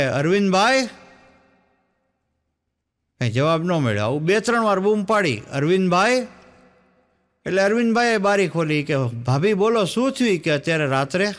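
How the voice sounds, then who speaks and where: Man telling folk jokes on stage. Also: fairly high pitch. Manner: storytelling, acts out the dialogue in his jokes. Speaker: stand-up comedian. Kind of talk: Gujarati folk joke telling.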